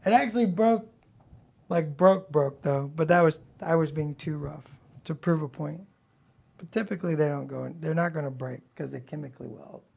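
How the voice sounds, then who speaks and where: A woman with a gravelly, slightly worn-out voice, hosting a livestream in casual, blunt, playfully sassy hobby chat. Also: deep voice, moderate pace, a little mellow. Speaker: livestream host.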